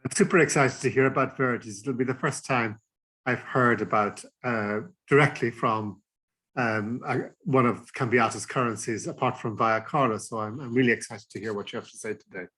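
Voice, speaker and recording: A man introducing himself on a video call, halting, with many fillers. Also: mid-range voice, sharp tone, slightly rough.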